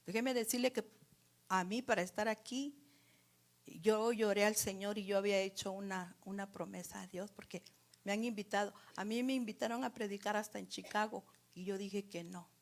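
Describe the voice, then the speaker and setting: A woman preaching a sermon, calling her listeners brothers again and again and swinging from soft near-whispers to loud, emphatic lines. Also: mid-range voice, steady tone, normal speed. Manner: repetitive address to the congregation as brothers.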